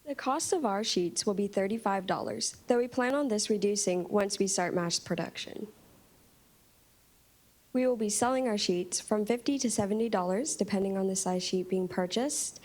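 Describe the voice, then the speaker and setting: A young woman delivering her part of a rehearsed team startup pitch in a meeting room. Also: moderate pace, darkish tone. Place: meeting room, standing before seated judges.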